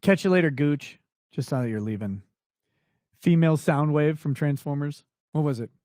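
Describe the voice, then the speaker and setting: This livestream host is a man whose voice isn't deep, speaking at a normal speed in a mellow tone. Late at night and casually, he reads out viewer questions and fires back crude, sweary, blunt answers, captured in a dry, studio-grade recording.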